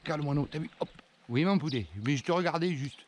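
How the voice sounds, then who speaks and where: Joking French hornet remover outdoors. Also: male voice, on the high side, fast talker, a little hiss or hum. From France. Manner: joking, talks to the insects and the camera. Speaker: wasp and hornet removal worker. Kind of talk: casual running commentary while working. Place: outdoors at a house.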